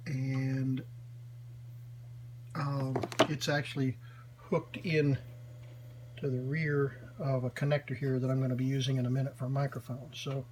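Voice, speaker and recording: Slow-talking man over loud hum. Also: medium pitch. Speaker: demonstrator of a vintage wire recorder. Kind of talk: unscripted hands-on demonstration. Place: small cluttered indoor workshop. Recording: noisy, with steady electrical hum.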